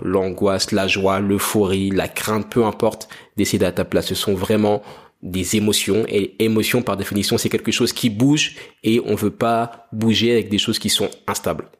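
A young French man hosting a podcast, speaking earnestly and directly to the listener in a reflective, motivational monologue. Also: on the low side. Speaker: podcast host.

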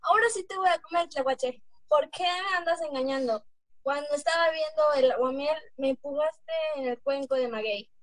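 A woman's voice: high-pitched, normal speed, no room sound, natural voice. A woman with a Mexican accent voicing a hungry, gullible, hot-tempered male coyote in an amateur folk-tale reading, blustering and sometimes stumbling over lines. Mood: threatening. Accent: Mexican Spanish. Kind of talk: amateur read-aloud folk tale acting.

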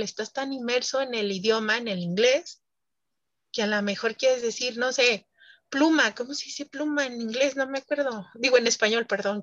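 A woman's voice: fairly high pitch, a bit bright, dry recording, lo-fi sound. A woman, a French teacher, explaining pronunciation in an interview in an emphatic way, laughing often. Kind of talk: interview conversation.

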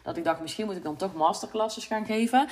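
A woman's voice: medium pitch, brisk. A woman from Brabant with a Brabant Dutch accent, hosting a podcast and talking candidly and reflectively, with many fillers. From Brabant, Netherlands. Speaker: podcast host, business coach. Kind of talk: casual solo podcast monologue.

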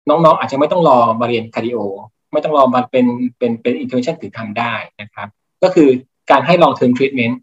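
Man lecturing, slightly dull sound. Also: medium pitch. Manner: explanatory, measured lecturing with medical terms. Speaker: cardiologist guest. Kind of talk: teaching clinical points in a podcast interview.

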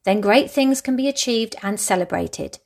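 Higher-voiced woman, tidy coaching advice. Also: moderate pace, creaky. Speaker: mindset coach. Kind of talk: scripted self-help advice monologue.

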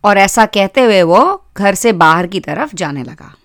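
Gentle woman storyteller, dry sound. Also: mid-range voice, lively intonation, unhurried, dry recording. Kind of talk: scripted narration.

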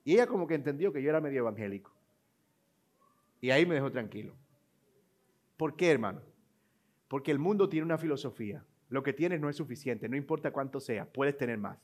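Male Bible teacher with a slightly high voice, conversational, asks rhetorical questions. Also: expressive, fairly quick, long pauses, a little mellow.

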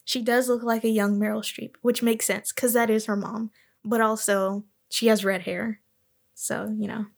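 A woman co-hosting a casual podcast, with a voice that sits a bit high. She rambles through her opinions, stops to correct herself, and admits she is going purely on vibes. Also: flat delivery, moderate pace, creaky. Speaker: podcast co-host. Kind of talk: casual chat.

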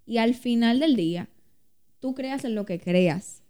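Reflective woman with a mellow voice. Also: fairly high pitch, lively intonation, a little slow, clear, resonant tone. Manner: reflective, asks questions, shares personal experience. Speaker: podcast co-host. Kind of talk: casual faith talk.

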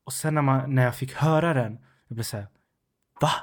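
A man in his twenties with a suburban Stockholm accent, co-hosting a casual podcast and telling stories about himself. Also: medium pitch. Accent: Stockholm suburban Swedish. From Sweden, near Stockholm. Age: 20s. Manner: animated, self-mocking storyteller. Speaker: podcast co-host. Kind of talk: casual chat.

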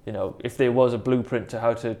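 Here a musician and producer from the South Wales Valleys tells a casual, rambling story at a quick pace, mocking himself along the way. His Welsh Valleys accent comes through a mid-range, steady, dark voice in this relaxed interview.

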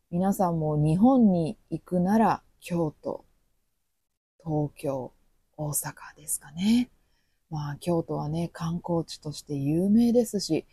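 A woman teaching Japanese with a Kansai accent, speaking slowly and clearly and acting out short quoted lines. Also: low-pitched, mellow, dry recording. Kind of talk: podcast language lesson.

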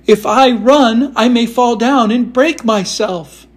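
A man voicing a timid, fragile young china princess who speaks delicately and slowly. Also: very high voice, voice pushed up, full character voice. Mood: frightened. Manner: frightened, pleading, slow and delicate.

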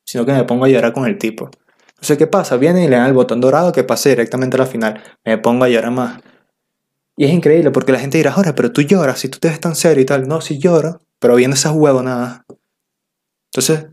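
A man's voice: mid-range voice, a little mellow. A young man from Venezuela with a Venezuelan accent, talking to the camera in a casual, slangy, self-mocking comic monologue. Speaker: vlogger.

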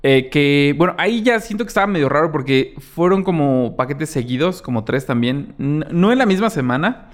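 A man's voice: on the high side, normal speed. A young man with a Mexican accent hosting a podcast, telling a story in a casual way and acting out what people said. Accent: Mexican Spanish. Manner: animated, acts out quoted exchanges, many fillers. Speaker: podcast host.

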